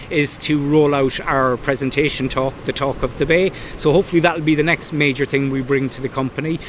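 Faint outdoor background noise accompanies this west of Ireland man, whose voice sits on the high side with a fairly bright tone. Hailing from Blacksod Bay in County Mayo, Ireland, he founded a maritime heritage company and explains his work and plans to an interviewer.

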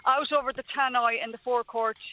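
A woman's voice: a little high, steady tone, fast talker, pushed and bright, low-quality recording. A woman with a west of Ireland accent chatting casually as a caller on a radio phone-in. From Mayo, west of Ireland.

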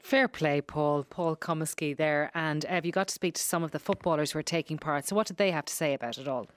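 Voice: medium pitch, quick pace, no echo, clean studio sound. A radio presenter handing over to a reporter in a friendly way. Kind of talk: studio presenting.

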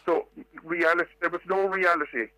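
An older Irish woman phones in to a radio show, her voice masked by a pitch-shifting distortion. She tells her story in a measured, reflective way, pausing and hesitating, with fairly even intonation. The tone is pushed and bright, and the recording is dry.

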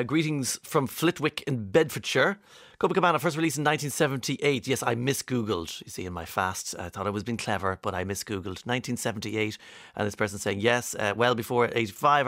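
Irish man, radio presenter, middle-aged, chatty and self-deprecating, mid-pitched voice, dry close sound. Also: a little fast, fairly bright tone, no room sound. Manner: chatty, self-deprecating, frequent fillers and restarts. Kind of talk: casual radio chat reading listener texts.

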